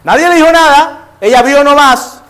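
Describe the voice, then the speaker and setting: A man's voice: very high-pitched, moderate pace, a bit bright. A male pastor with a Nicaraguan accent preaching conversationally, acting out little scenes. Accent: Nicaraguan Spanish. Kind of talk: sermon.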